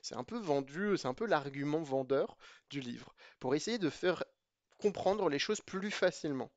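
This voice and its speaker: A man with a somewhat high voice reviews programming books in a loose, chatty way, stumbling through fillers and restarts as he talks straight to his viewers. The sound is dry with no room echo, and a little dull and lo-fi. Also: expressive, moderate pace. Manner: hesitant, many fillers and restarts; chatty and opinionated, addresses viewers directly. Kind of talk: casual spoken book review.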